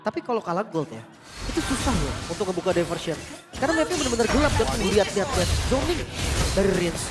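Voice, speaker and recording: Casting: high-pitched Indonesian male game commentator, excitable and colloquial, live match feel with loud music underneath. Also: fast. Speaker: esports shoutcaster.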